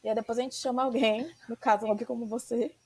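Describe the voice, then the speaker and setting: This woman conducts a podcast interview in a relaxed, slang-filled, chatty style, speaking fast with a Bahian accent. Her voice sits on the high side, with fairly even intonation, a slightly mellow quality and a breathy edge; she hails from Salvador, Bahia, Brazil.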